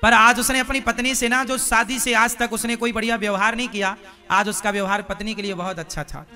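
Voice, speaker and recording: A man's voice: high-pitched, fairly even intonation, fairly quick, bright, forceful tone, soft background music. A man preaching a sermon through stories, in a folksy way, asking the audience questions as he goes. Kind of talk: storytelling sermon.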